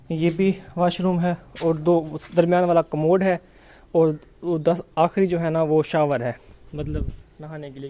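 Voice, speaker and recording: A man's voice: high-pitched, mellow, a little hiss or hum. A man from Pakistan giving a casual vlog walkthrough, rambling along with plenty of fillers and pious phrases. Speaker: vlogger.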